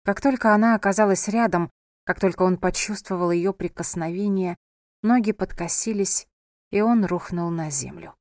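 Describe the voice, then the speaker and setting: A woman reads a novel aloud in an even, measured storytelling voice, at a middle pitch for a woman. She is recorded close on a studio microphone, with a dry, dead sound and no room echo. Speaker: audiobook narrator. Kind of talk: scripted narration of a novel.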